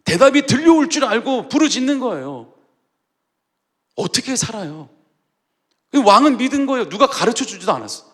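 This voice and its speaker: A male pastor giving a sermon with animated storytelling, often asking the congregation questions, in a reverberant church sanctuary. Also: high voice.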